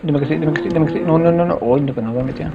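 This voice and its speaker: An excitable young man gives let's play commentary, talking straight to his viewers and piling up exclamations. His voice sits a little high. The home recording sounds slightly dull, with a faint hiss behind it. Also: rapid-fire. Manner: excitable, talks to viewers as "chicos", frequent exclamations. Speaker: gaming youtuber.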